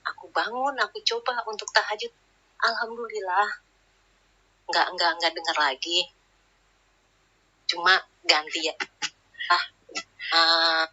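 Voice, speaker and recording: Bright, husky-voiced woman telling stories. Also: medium pitch. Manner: chatty, tags sentences with filler tags. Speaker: guest storyteller. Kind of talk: casual spoken ghost story. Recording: lo-fi online audio room.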